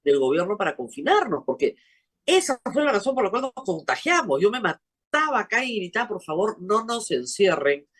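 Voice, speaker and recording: Animated, husky Peruvian woman host. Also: mid-range voice. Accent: Peruvian Spanish. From Peru. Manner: emphatic, exclamatory, quick asides. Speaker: show host. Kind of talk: animated TV interview chat.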